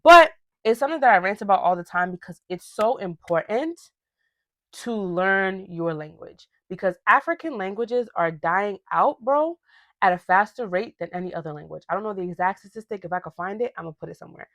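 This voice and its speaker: Expressive and brisk, a medium-pitched, slightly bright female voice belongs to a young Ghanaian podcast host ranting casually on her own show. She's animated and drops in slangy asides, and the recording is dry.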